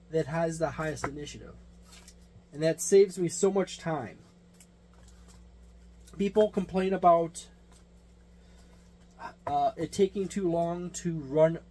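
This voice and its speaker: This tabletop gaming reviewer and game master has a fairly high, darkish voice. He rambles through a casual, unscripted hobby review and explanation, correcting himself and speaking with emphasis. The recording carries noticeable background noise and a hum.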